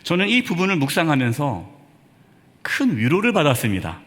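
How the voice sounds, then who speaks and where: High, lively-voiced preaching pastor. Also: male voice, moderate pace. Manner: preaching with many rhetorical questions. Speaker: senior pastor. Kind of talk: Sunday sermon. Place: church sanctuary. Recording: reverberant church hall.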